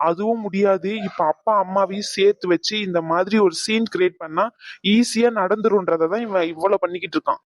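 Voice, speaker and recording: A woman's voice: lowish voice, dry recording, lo-fi sound, close to an everyday voice. A woman voicing a heated, exasperated young man in a cartoon family drama. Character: angry young man distrusting his brother-in-law.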